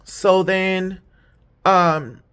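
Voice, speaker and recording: A tired woman telling a long story in a rambling, candid way, swearing freely and jumping up in pitch whenever she quotes someone. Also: steady tone, extremely slow, a bit bright, clean tone. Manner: jumps high when quoting others; putting on false lashes while talking. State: tired, yawning. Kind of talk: casual storytime monologue.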